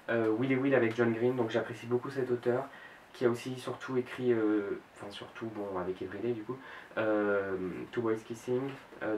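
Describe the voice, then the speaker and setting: A man's voice: medium pitch, darkish tone. A young man in his late teens chatting about books he wants to read in a casual vlog, hesitant, with many fillers and self-corrections. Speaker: book blogger. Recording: roomy echo, mic at a distance, faint background hiss.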